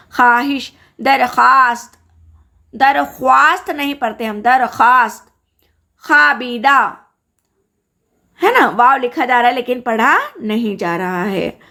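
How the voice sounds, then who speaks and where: Woman teacher going slow over grammar, kinda high voice, says every example word twice. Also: sharp tone. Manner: slow, careful, repeats example words with stress. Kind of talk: grammar lesson.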